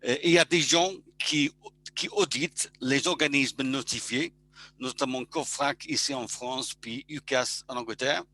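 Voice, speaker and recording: A male engineer giving a webinar presentation, halting and full of restarts. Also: medium pitch, pushed and bright.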